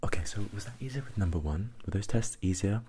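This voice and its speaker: Low-voiced man, ASMR role-play. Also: lively intonation, quick pace, very noisy. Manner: repetitive, instructing and questioning, shifting between soft voice and low soft voice. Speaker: ASMR performer giving mock eye tests.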